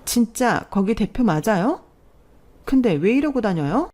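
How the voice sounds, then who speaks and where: A woman voicing a spoiled, sneering young sister-in-law in a read-aloud story, in a high, indignant voice. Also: big pitch swings, unhurried, darkish tone. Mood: incredulous. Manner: shrill, indignant. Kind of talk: storybook voice acting.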